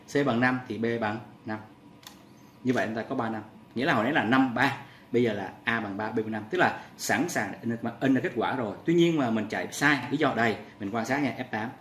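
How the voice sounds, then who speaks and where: A man's voice: mid-range voice, a bit bright. A man teaching programming step by step in a screen-recorded tutorial, repeating each key press and often turning to address his viewers. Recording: echoey room with faint ambient noise.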